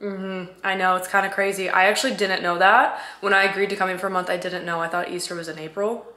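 A woman's voice: medium pitch, little pitch movement, fast talker, bright, forceful tone. A woman in her twenties chatting casually to camera in a slangy, dryly joking way, her voice cracking from a sore throat. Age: 20s. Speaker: vlogger. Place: living room at home. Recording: roomy indoor echo.

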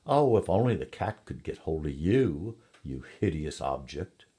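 A man's voice: very deep voice, sing-song, measured pace, dark tone, breathy edge, heavily acted. A man voicing cruel young duckling siblings in a storybook reading, jeering.

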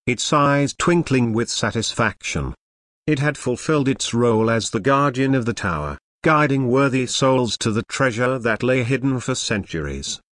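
Male storyteller, mid-pitched, dry close sound, even and measured reading. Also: dry recording. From England, Lancashire. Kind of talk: scripted story narration.

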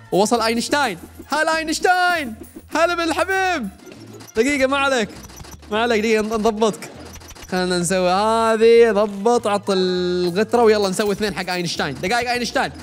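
A young man giving casual, joking let's-play commentary as he plays a cooking game. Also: high-pitched. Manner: fast, chatty, jokes with the game's customers. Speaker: gaming YouTuber. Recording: faint game music behind.

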